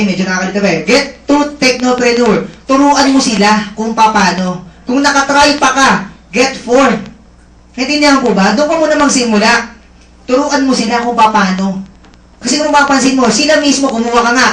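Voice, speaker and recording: Lively male seminar presenter, echoey room. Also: very high-pitched, moderate pace. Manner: lively, teasing crowd work with frequent check-ins. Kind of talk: motivational seminar talk.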